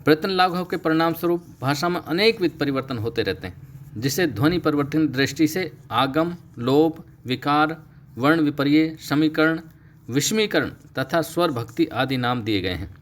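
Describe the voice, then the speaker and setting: A middle-aged man teaching a Sanskrit class, explaining steadily and slowing down to stress key terms. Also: a little high, animated. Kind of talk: recorded online lecture.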